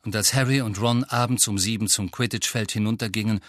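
A man narrating a novel in a measured storytelling manner. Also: on the low side, steady tone, fairly bright tone, dry recording, studio quality. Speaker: audiobook narrator.

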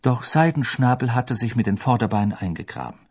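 Guy narrating an audiobook, husky, really animated delivery. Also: medium pitch, brisk. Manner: lively, expressive reading. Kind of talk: scripted narration.

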